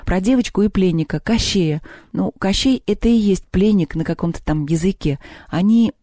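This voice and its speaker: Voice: medium pitch, moderate pace, dry recording, studio quality, voice pushed up, lightly acted. A storyteller voicing a shy, dreamy schoolgirl who speaks with embarrassment about a book. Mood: embarrassed. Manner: embarrassed, soft.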